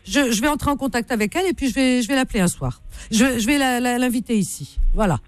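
A woman's voice: a little high, lively intonation, quick pace, no room sound. A woman hosting a radio phone-in in a casual, conversational way, with short interjections to her callers. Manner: frequent short interjections and affectionate terms to callers. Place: dry radio studio.

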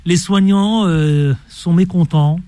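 Male radio host, high pitch, playful banter, quick asides. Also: dark tone, dry recording. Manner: joking, quick interjections, playful mock accent. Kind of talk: casual on-air banter.

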